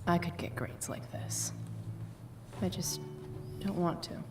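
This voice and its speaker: A woman's voice: fairly low pitch, steady tone, slow pace. A woman playing a guarded, rebellious teenage girl musing to herself in a video game, dry and understated. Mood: subdued, pensive. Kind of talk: video game character's inner monologue. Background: game music.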